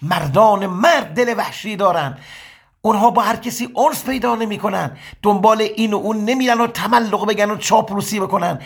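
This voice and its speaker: Male preacher, fairly high husky voice, quotes scripture and then explains it. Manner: sermon-like, quoting Arabic passages then explaining them. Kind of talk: religious lecture on scripture.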